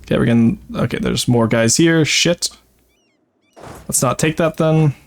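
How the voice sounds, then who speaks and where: A man's voice: medium pitch, measured pace, gravelly. A man streaming a strategy game with casual live commentary, thinking aloud and talking to his chat. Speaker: streamer, VTuber.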